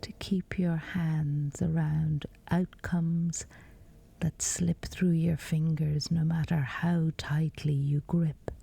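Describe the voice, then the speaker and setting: In a very dark, mellow voice with a creaky edge, a woman guides a sleep meditation. She whispers in a hush and speaks extremely slowly, leaving long pauses between phrases. Her scripted, unhurried delivery sits low and stays flat.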